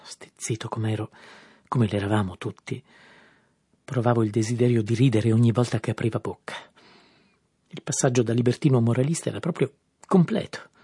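A man narrating a novel in a measured, subdued manner. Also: mid-range voice, warm tone, breathy edge, no echo, studio quality. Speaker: audiobook narrator. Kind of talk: scripted narration.

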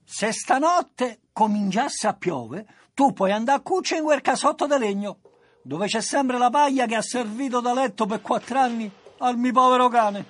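A man's voice: very high-pitched, normal speed, a bit bright, no room sound, voice pushed up. A man voicing an angry rustic farmer in a radio story, scolding a thief. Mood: bossy. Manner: scolding, blustering.

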